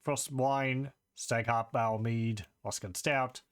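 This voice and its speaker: A man's voice: mid-range voice, steady tone, slow, clear, resonant tone, natural voice. A man voicing a folksy, chatty tavern keeper in a fantasy game.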